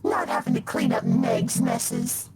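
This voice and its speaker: A menacing female Fury for a video game, speaking through a demonic layered echo. Her gravelly voice lurches through a very wide pitch range at an unhurried pace, dripping with scorn. Game music plays loudly beneath her. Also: wildly swooping pitch, exaggerated voice. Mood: scornful. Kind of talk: video game character dialogue.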